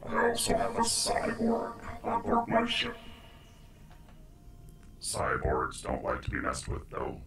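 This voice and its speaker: A man's voice: extremely high pitch, gravelly, in a whisper, voice pushed up, full character voice. A man speaking through a metallic robot voice filter as a cold, commanding male alien cyborg. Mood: playful. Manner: slow, flat commands. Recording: long reverb with faint music.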